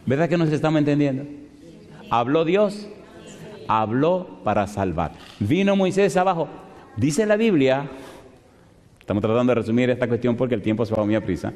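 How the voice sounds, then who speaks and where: A male pastor giving a lively sermon, constantly asking the congregation questions. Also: mid-range voice, moderate pace, pauses often. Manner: animated, asks the congregation frequent rhetorical questions. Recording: long hall reverb.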